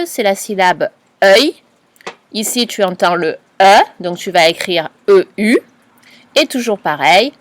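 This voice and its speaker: A primary school teacher with a lowish voice gives a young child a patient spelling lesson and dictation. She spells out letters one by one and repeats each point, with no room sound on the recording.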